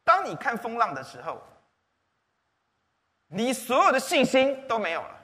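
A man's voice: extremely high pitch, normal speed. A man preaching a sermon as pastor, often asking the congregation questions. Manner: animated, rhetorical questions to the congregation. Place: church hall. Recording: long hall reverb.

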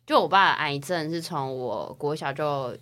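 A young woman from Taiwan, co-hosting a casual podcast chat and telling personal stories in a chatty, animated way. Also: sits low, normal speed. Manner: chatty, animated storytelling with rising excitement. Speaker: podcast co-host.

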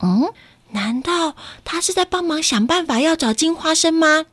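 A woman's voice: very high voice, expressive, moderate pace, a bit bright, dry recording, voice pushed up. A woman voicing a dithering almond office man in a children's storybook, drawling and sighing.

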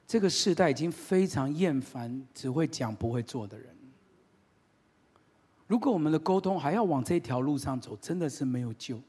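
A man with a notably high voice preaches a lively sermon. He tells humorous stories and hammers home points by repeating phrases. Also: normal speed, husky. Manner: animated, humorous storytelling with emphatic repetition. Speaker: pastor.

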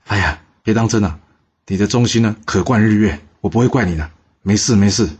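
A man's voice: fairly low pitch, a little fast, breathy edge. Man doing a proud scheming ancient king. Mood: soothing. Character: proud scheming male king of old Chu.

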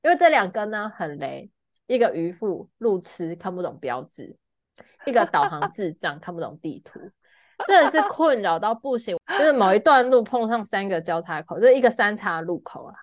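Lively Taiwanese-accented woman storyteller. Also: medium pitch, normal speed, dry recording, clean studio sound. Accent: Taiwanese Mandarin. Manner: animated storytelling, loudly acting out shouting passengers. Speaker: podcast co-host. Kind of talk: casual chat.

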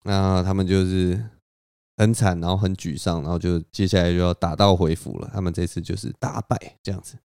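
Guy casually retelling a myth on his podcast, smooth voice, dry close mic. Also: low-pitched, steady tone, fairly quick, darkish tone, no room sound. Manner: conversational, with repetitions and sound effects. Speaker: podcast host.

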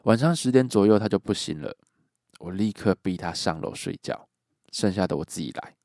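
A man's voice: low voice, animated, a little fast, darkish tone, dry recording, clean studio sound. A man hosting a podcast, bluntly telling a creepy true story and swearing casually.

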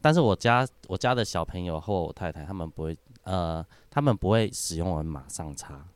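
A man's voice: sits low, expressive, a little fast, clean tone, no echo. A man, a podcast guest chatting casually and laughing often as he tells stories. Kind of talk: casual chat.

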